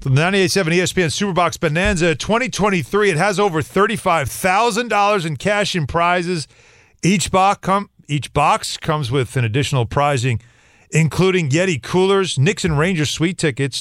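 A man's voice: high voice, fairly bright tone, no room sound, clean studio sound. A man hosting a sports radio show who reads sponsor spots and jokes around loosely, laughing often. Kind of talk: live ad read and casual banter.

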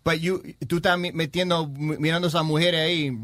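A man in casual radio banter, animated and switching freely between Spanish and English. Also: fairly high pitch, brisk, no room sound.

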